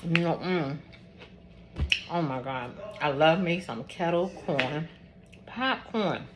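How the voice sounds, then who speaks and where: She's a chatty cooking host from Georgia in the US, sampling food on camera mid-chew during her casual vlog. The deep voice moves slowly with lively intonation, and background noise can be heard.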